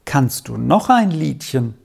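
A reader voicing an eager, excitable young girl in a storybook reading, in a raised, bright register. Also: medium pitch, takes it slowly, gravelly, breathy edge, exaggerated voice. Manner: eager, pleading.

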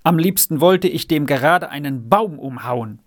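Reader plays a sullen young farmhand in a storybook; short, low, resigned replies. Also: expressive, normal speed, natural voice. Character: sullen, bitter runaway farmhand boy. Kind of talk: audiobook reading.

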